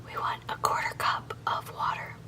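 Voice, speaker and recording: A woman speaks entirely in a soft ASMR whisper, sounding a little distant from the microphone. She guides listeners through a recipe as the host, with chatty, instructional asides. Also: moderate pace. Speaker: video host.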